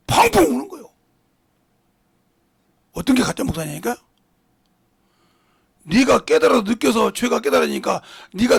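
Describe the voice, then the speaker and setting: A man preaching a sermon as pastor, blunt and scolding, with big swings between loud and quiet. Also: very high-pitched. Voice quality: gravelly, husky voice. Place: church sanctuary.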